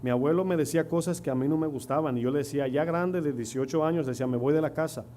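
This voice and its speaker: Dominican preacher with a mellow voice. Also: male voice, fairly high pitch, fast. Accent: Dominican Spanish. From Dominican Republic. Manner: storytelling with rhetorical questions. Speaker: pastor. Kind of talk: sermon. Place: church. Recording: faint hum and noise.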